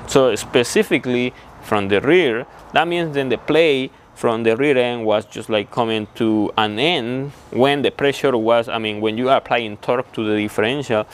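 A young man and truck mechanic explaining a repair in a hands-on walkthrough, halting with many fillers and restarts. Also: medium pitch, slight background noise. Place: indoor truck repair shop.

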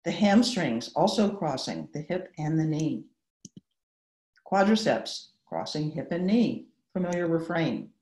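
A middle-aged woman, a sports medicine doctor, giving a measured, explanatory webinar lecture over a video call. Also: low-pitched, lively intonation, a little mellow. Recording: roomy echo.

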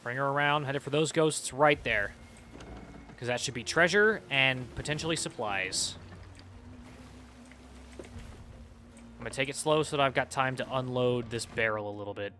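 A young man streaming a video game, excitably talking to himself as he plays. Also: mid-range voice, measured pace, pauses often, slight background noise. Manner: excitable, talks to himself while playing. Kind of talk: live gameplay commentary.

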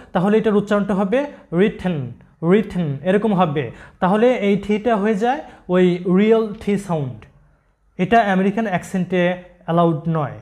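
A man explains English sounds in a lesson. His voice sits high, and he repeats each example phrase slowly, several times over. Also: a little mellow. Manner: slow, repetitive drilling of example words. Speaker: English pronunciation teacher.

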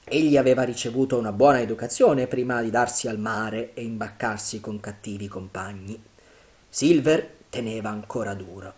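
A man narrating a classic adventure novel for an audiobook in a measured, dramatic storytelling manner. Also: mid-range voice. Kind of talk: scripted narration.

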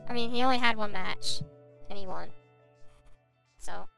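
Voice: medium pitch, normal speed, vocal fry, sharp tone, rough recording. Voice-changed streamer over music. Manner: chatty, rambling, with filler words. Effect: voice changer on the mic. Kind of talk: casual stream chat reading viewer messages.

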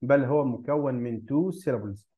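An Egyptian man teaches English grammar in an ordinary mid-range voice, walking through each rule step by step. He slows down to sound out example words clearly. The recording is a bit dull and lo-fi. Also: medium pitch. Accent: Egyptian Arabic. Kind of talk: grammar lesson.

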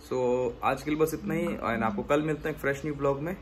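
A man's voice: fairly high pitch, quick pace. Young guy vlogging on his phone, chatty and joking around, lots of street noise behind. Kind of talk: casual vlog narration. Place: shops and roadside, outdoors and in a store. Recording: noisy street and store.

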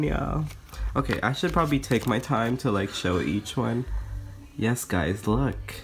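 Excitable young guy unboxing stuff, voice bouncing all over, talks slow and drawn out. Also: mid-range voice, vocal fry, slight background noise. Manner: gushing, excitable, squeals often. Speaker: vlogger. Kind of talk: casual unboxing chat.

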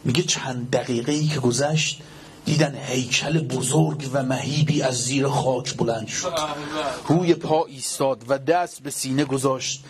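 A man's voice: mid-range voice, fairly even intonation, a crowd in the background. A man preacher telling a religious story in a fervent, dramatic way, acting out the quoted lines.

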